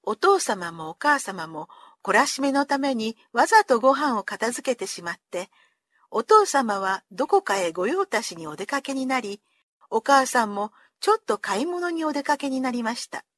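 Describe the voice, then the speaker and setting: A woman reading a classic children's story aloud in an expressive manner, giving the characters their own voices. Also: fairly high pitch, normal speed, no echo, studio quality.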